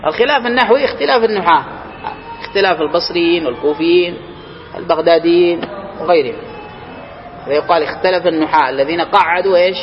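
A man teaching a grammar class, reading a text aloud slowly and then explaining it and questioning his students. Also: in a large hall, highs cut off. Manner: reads quoted lines slowly and higher, then explains and quizzes students.

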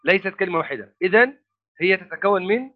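Man with a high voice teaching grammar and restarting his words, narrow phone-like sound. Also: animated, quick pace. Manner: repeats and restarts words while thinking, asks rhetorical questions. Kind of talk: explaining a grammar text line by line.

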